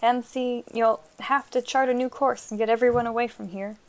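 A woman voicing an urgent young dragon rider, gravelly. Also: fairly high pitch, steady tone, normal speed, lightly acted. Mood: commanding. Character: determined young dragon rider, guilt-ridden.

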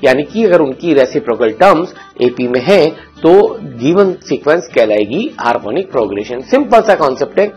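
Husky-voiced man teaching math. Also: a little high, darkish tone. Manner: explains step by step, asks students to check and guess. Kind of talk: online exam-prep lesson.

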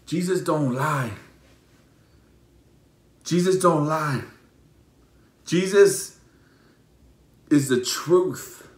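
A man preaching a sermon as a pastor, emotional and repetitive, with many restarts, moving between loud preaching and hushed pleading. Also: a little high, drawn-out words, pauses often, roomy sound.

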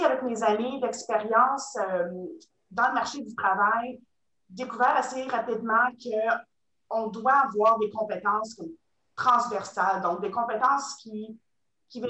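A woman's voice: mid-range voice, pushed and bright. Woman, Canadian French accent, teacher guest, hesitant fillers, echoey room, set back from the mic. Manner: hesitant, many fillers and restarts. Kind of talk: webinar testimony. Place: home room. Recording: roomy sound, far from mic.

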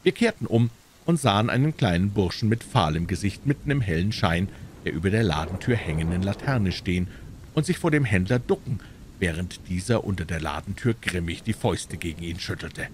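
Deep-voiced, expressive German male storyteller. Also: brisk, a little hiss or hum. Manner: calm, expressive reading. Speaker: audiobook reader. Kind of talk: relaxed audiobook narration. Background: ambient soundscape.

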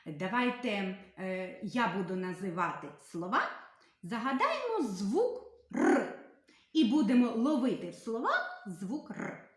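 A woman teacher giving a literacy lesson to young children, spelling out sounds slowly and asking questions she then answers herself. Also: a little high, big pitch swings, heavy reverb. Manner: slow, sing-song, carefully spelled-out sounds.

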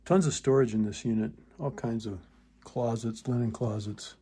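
A man acting as a real estate agent walks through a wooden townhome indoors, narrating the property in short, clipped phrases that list its features. His voice is medium-pitched and mellow at a normal speed, with slight background noise.

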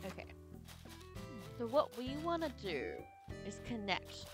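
Lively giggly woman streamer. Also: a little high, a little slow, over music, poor audio. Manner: chatty and giggly, talking to chat while playing. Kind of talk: casual gameplay chat.

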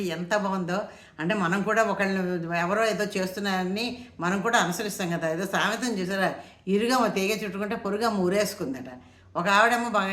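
A woman's voice: medium pitch, a bit bright. A woman telling folk tales in a chatty oral style, speaking straight to her listeners. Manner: chatty, addresses listeners directly. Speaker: storyteller. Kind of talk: casual oral storytelling. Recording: echoey room.

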